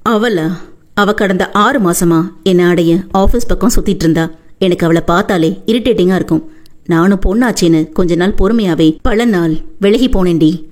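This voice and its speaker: A woman's voice: fairly low pitch, normal speed, a little mellow, lightly acted. A woman voicing a hot-tempered but doting young husband in an audiobook, coaxing and boastful. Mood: recounting.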